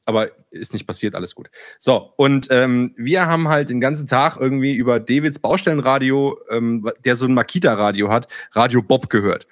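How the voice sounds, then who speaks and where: A man in casual chat, telling lively stories, acting out dialogue and swearing freely. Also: medium pitch, fairly quick, dry recording, studio quality. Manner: animated storyteller, acts out dialogue, swears casually.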